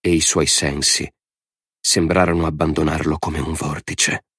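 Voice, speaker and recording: A man reads an audiobook in a measured, dramatic manner. His voice sits very deep, and the studio sound is dry and close, with no room around it. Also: flat delivery, fairly bright tone, slightly rough, no echo. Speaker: audiobook narrator. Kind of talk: scripted narration.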